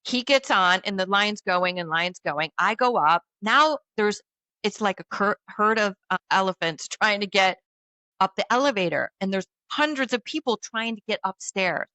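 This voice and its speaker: A woman telling a dramatic personal story in casual chat, animated and acting out the voices of others. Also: medium pitch, moderate pace, no echo. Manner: animated, acts out quoted voices.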